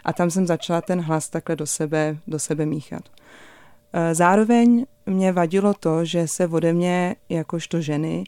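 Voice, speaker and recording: A young adult woman with a deep, low voice, a voice performer telling her story as a guest in an animated way, with many hesitations. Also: smooth, no room sound. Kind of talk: conversational storytelling.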